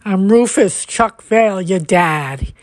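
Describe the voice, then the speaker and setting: A woman voicing a frail older man who is shaken and halting, speaking in a throaty voice in a dry recording. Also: mid-range voice, animated, a little mellow, no room sound. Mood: startled. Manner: startled, halting.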